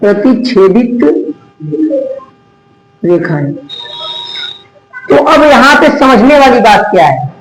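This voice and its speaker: A man's voice: very high voice, very animated, normal speed, few pauses, a bit bright. A man teaching a math lesson who asks the class questions, then answers them himself, stretching out the key words. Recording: echoey room.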